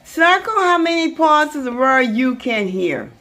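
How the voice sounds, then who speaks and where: Female teacher, phonics lesson, lively pitch, sounds words out and repeats them. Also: a little slow. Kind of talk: slow, drawn-out phonics lesson.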